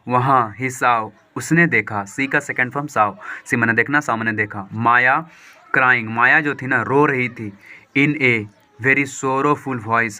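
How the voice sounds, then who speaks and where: A man with a very bright, sharp tone teaches from a storybook. He reads each line slowly and carefully, then switches to quick, animated Hindi explanation. His voice sits at an ordinary male pitch. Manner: slow deliberate reading of English lines, then quick lively Hindi explanation. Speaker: English teacher.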